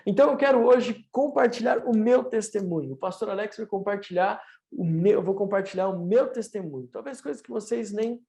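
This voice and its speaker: This pastor, a man in his thirties, delivers his testimony briskly to an online congregation. His voice sits high and mellow with vocal fry, and his earnest preaching builds with rising emphasis.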